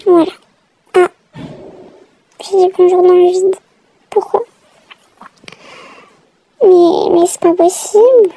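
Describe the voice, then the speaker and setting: A woman's voice: very high voice, steady tone, unhurried, creaky, pauses often, dark tone, low-quality recording. A woman giving chatty, exasperated running commentary while she plays a game. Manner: chatty, reacting aloud, exasperated. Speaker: gamer narrating her play.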